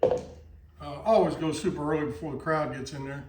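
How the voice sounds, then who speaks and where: A Texan cooking vlogger with a Texan accent chats casually in his kitchen while he cooks, folksy and full of asides. His voice is a little high, brisk and a little mellow. The distant mic makes it echoey, with frying in the background.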